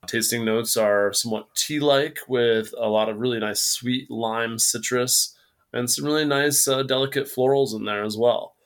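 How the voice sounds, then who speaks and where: A man's voice: on the low side, fairly bright tone. A man who is a guest on a podcast, a coffee roaster talking in an easygoing way and explaining things plainly. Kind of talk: casual podcast chat.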